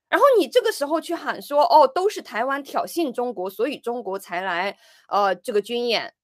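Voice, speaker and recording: A woman giving casual political commentary, animated, with frequent fillers and pointed rhetorical questions. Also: high voice, no echo, clean studio sound.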